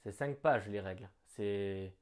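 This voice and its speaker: A man doing casual unboxing commentary on a gift. He thinks aloud, talks chattily and breaks into bursts of excitement. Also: fairly low pitch, slow pace, smooth. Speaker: board game unboxing vlogger.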